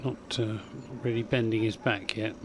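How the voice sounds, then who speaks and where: A man working as a cricket commentator, analysing live play in a measured way with wry understatement. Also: fairly low pitch, flat delivery, noisy background.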